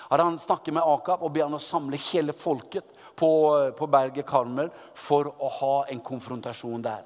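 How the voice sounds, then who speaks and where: A man preaching a sermon, retelling a Bible story in a lively, teasing way with many restarts. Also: fairly high pitch, long reverb tail.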